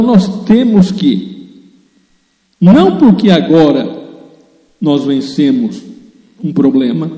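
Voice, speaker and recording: A man's voice: mid-range voice, dark tone. An Italian-born man, a native Italian speaker, giving earnest, emphatic spoken commentary that addresses his listeners directly. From Italy. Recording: roomy echo with long reverb.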